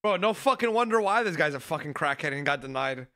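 A young man reacting to videos as a streamer, casual, profane, incredulous and quick to laugh. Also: a little high, expressive, sharp tone, no room sound, clean studio sound. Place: indoor room, seen on webcam.

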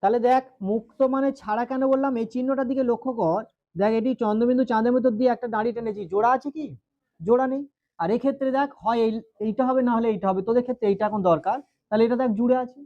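A man's voice: very high voice, racing, highs cut off. Man teaching a Bengali grammar class. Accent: Bengali of West Bengal. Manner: drills students, asks questions, stretches syllables.

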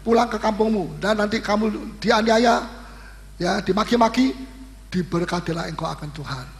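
A male pastor preaching a sermon in a lively, teasing way, often putting questions to the congregation. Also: high-pitched, normal speed, a little hiss or hum. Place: church hall. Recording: echoey hall recording.

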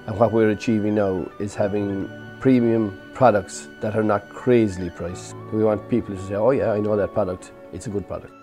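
A man's voice: on the low side, warm tone. An older man chatting in an interview. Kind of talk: interview chat. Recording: light music behind the voice.

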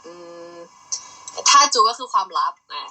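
A woman's voice: unhurried, pushed and bright, poor audio. A young woman chatting casually on a livestream, rambling and giggly as she explains a music video. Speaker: idol livestreamer.

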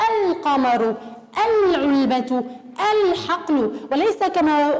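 A woman teaching an Arabic lesson to young pupils, patient and addressing them as little ones, stretching out example words slowly. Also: high-pitched, a little mellow, long reverb tail. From Lebanon. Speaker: primary school Arabic teacher. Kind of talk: teaching a recorded lesson to children.

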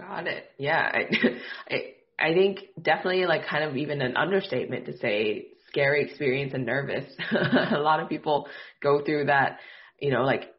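A man's voice: on the high side, moderate pace. A man hosting a podcast, asking interview questions in an upbeat way, often saying "like" and "got it", on dull lo-fi remote audio. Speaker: podcast host.

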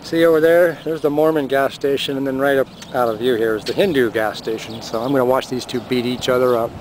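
Amid traffic and outdoor noise, a man films the sky on a handheld camera, chatting with amusement and pointing things out from the roadside and a car. He talks fast at a medium pitch in a steady tone, on noisy outdoor camera audio.

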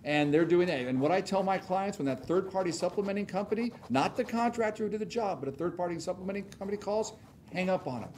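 Higher-voiced man, explaining steadily. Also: animated, a little mellow, slight background noise. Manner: measured, explanatory, asks rhetorical "right?". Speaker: insurance attorney. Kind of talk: live panel debate.

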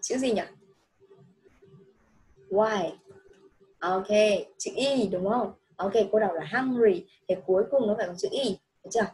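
A woman's voice: mid-range voice, a little slow, pauses often, dark tone, low-quality recording. A woman teaching a child English, patient and coaxing, repeating each answer back. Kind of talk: one-on-one children's English lesson.

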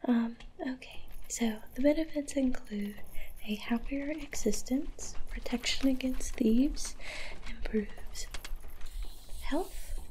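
A young woman in a whispered role-play as a librarian, speaking softly and hesitantly close to the microphone. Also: a little high, low-quality recording. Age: young adult. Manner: soft, hesitant, unhurried. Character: polite, attentive female librarian recommending books. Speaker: ASMR performer playing a librarian.

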